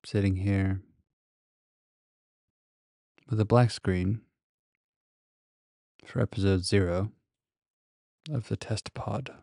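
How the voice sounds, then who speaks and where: A man's voice: lowish voice, steady tone, slow pace, vocal fry, long pauses, dark tone, dry recording. A man recording a casual, reflective solo podcast monologue very close to the microphone, speaking in a hesitant, introspective way. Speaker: podcast host.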